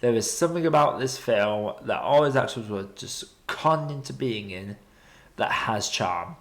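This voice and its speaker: A man's voice: medium pitch, lively intonation, unhurried, fairly bright tone. A British man giving casual film review commentary as a streaming host, blunt and opinionated in colloquial language.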